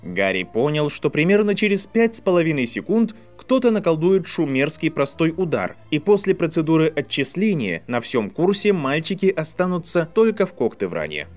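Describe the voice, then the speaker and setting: A male audiobook narrator tells a fantasy story with expressive, lively phrasing. His voice sits a touch higher than most men's. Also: moderate pace, few pauses, faint music behind. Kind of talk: scripted fiction narration.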